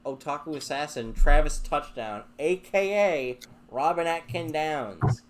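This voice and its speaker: A man's voice: fairly high pitch, expressive, measured pace, background noise. Rambling young man, casual chat. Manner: rambling, laughing, casual swearing. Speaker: host.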